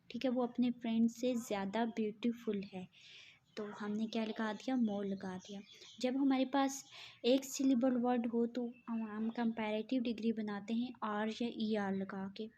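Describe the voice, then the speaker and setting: A woman teaching an English grammar lesson, explaining slowly and checking in with her listeners. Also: a little high, mellow, highs cut off, a little hiss or hum. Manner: slow, deliberate example sentences with frequent "ठीक है?" checks.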